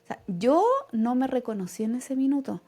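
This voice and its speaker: A woman's voice: fairly high pitch, normal speed, breathy edge. A young woman with a Chilean accent, co-hosting a casual podcast and telling a personal story, acting out the lines she quotes with laughter. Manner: animated, acts out quotes with laughter. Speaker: podcast co-host.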